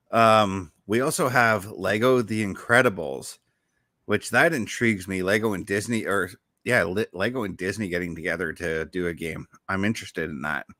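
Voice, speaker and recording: A man's voice: low voice, moderate pace, pushed and bright, no room sound, studio quality. A man hosting a casual podcast chat about video games, talking enthusiastically and rambling, often backtracking mid-sentence. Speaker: show host.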